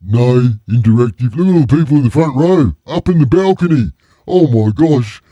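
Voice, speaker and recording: An Australian man with a gravelly voice and the matey, blokey manner of a tradesman, chatting casually as a live stream host. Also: mid-range voice, expressive, a little fast, warm tone, no echo, dull audio.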